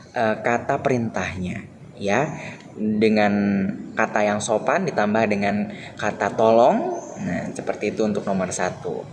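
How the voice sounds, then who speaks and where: A young man teaches a lesson to young children. He talks cheerfully, stretches his words slowly and acts out the example sentences. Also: lowish voice. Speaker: primary school teacher. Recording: noisy home recording.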